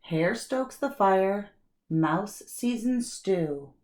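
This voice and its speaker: A woman reading a children's storybook aloud like a kindergarten teacher, expressive, with deliberate dramatic pauses and emphasis. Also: mid-range voice, slight background noise.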